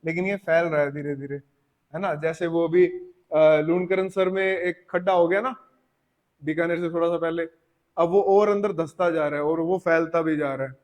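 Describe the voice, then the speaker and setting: A man with an Indian accent teaching English vocabulary, explaining in Hindi, reading English examples slowly and asking his students rhetorical questions. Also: on the high side, steady tone. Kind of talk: classroom lesson. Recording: long reverb, echoey classroom.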